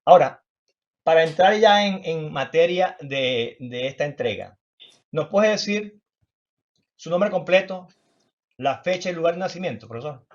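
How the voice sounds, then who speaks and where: Man, Venezuelan accent, formal interview host, courteous, slightly raised pitch, dull recording. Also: animated, a little slow, long pauses. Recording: dull, band-limited audio.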